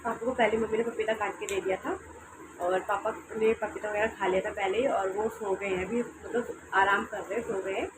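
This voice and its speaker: Tired hoarse young woman vlogging at home. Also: mid-range voice, fairly even intonation, normal speed. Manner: soft, rambling, repeats herself. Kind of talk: casual home vlog narration. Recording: noisy home recording.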